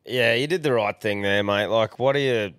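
A man's voice: on the low side, moderate pace, fairly bright tone, no echo, clean studio sound. An Australian man hosting a casual podcast, bantering in a blokey, sweary, slangy way. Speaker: podcast host.

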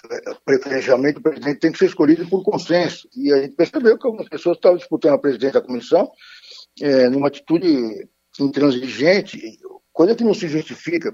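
A male radio guest with a dark-toned, mid-range voice talks formally by phone, hesitating frequently as the choppy line keeps cutting out. The recording is dry and muffled.

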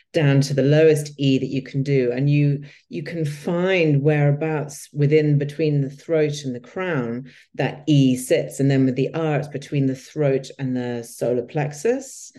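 A chatty interview host with a mellow, warm tone. The host talks enthusiastically and riffs on what the guest says. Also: medium pitch. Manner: enthusiastic, chatty, frequent backchannel hums. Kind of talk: conversational interviewing.

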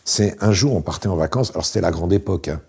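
Deep, creaky and husky, this voice belongs to a man in his late sixties who talks fast. As an interview guest in a casual conversation, he's relaxed and wry, rambling through anecdotes with plenty of fillers.

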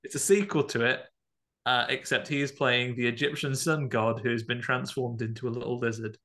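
A man's voice: mid-range voice, fairly even intonation, fairly quick, a bit bright. A man, co-hosting a podcast and setting word puzzles in casual chat, hesitant with many ums and chuckles. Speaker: podcast co-host.

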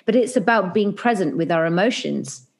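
A woman guest in a casual conversation, talking in an animated, chatty way and acting out little quotes. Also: medium pitch, normal speed, gravelly. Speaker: podcast guest.

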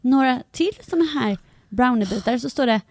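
A young woman with a fairly high voice, close and dry on the mic, chatting on a podcast. She tells her stories with animation and slips into the voices of the people she quotes. The sound is intimate, with little room around it. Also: lively intonation, a little mellow, no echo. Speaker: podcast co-host. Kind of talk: casual chat.

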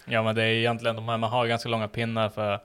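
Young man, casual podcast chat, animated storyteller, acts out quotes. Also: on the low side, clear, resonant tone.

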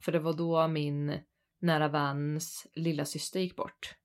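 A Swedish woman in her thirties, co-hosting a podcast and telling a spooky personal story in an animated, chatty way. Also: low voice, smooth. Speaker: podcast co-host. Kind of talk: casual storytelling chat.

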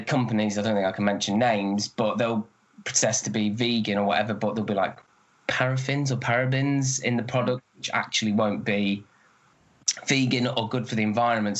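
A man's voice: on the low side, dull audio. A man who is an actor, talking in a casual interview and telling stories with lots of restarts. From northern England. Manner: chatty, rambling with restarts. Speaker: actor, guest.

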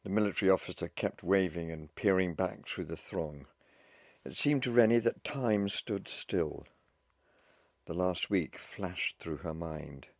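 A man narrating a story in a measured, scripted audiobook reading. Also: low-pitched, no echo, studio quality.

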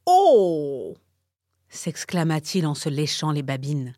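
A woman narrating a children's story in a slow, expressive way. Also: low voice, no room sound, clean studio sound.

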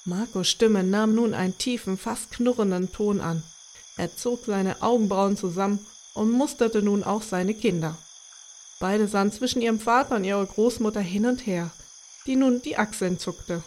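A woman reading a family audio story in a steady storytelling style, over clear background music. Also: medium pitch, moderate pace, slight background noise. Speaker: narrator. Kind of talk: scripted audiobook narration.

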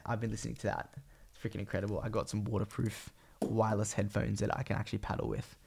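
Croaky, phlegmy young Australian man. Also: on the low side, a little mellow. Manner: rambling, slangy, swearing casually. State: sick with a cold, voice partly gone. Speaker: podcast host and vlogger. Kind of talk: casual solo podcast catch-up.

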